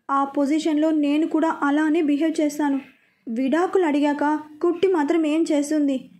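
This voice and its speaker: A woman's voice: high-pitched, dark tone. A woman narrating a first-person audio story in an earnest, reflective way.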